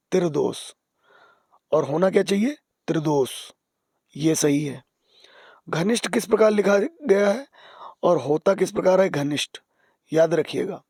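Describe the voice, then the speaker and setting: A man teaching exam spelling, patient, repeating key words and dropping to soft asides. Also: on the high side, dry recording, clean studio sound. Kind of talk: explaining spelling on screen.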